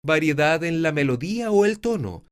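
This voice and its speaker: A man giving a lecture on preaching, speaking in a clear, measured teaching manner. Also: lively intonation. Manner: demonstrates pitch and volume shifts, swinging from soft to loud. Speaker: preaching instructor. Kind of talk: homiletics lecture with spoken demonstrations.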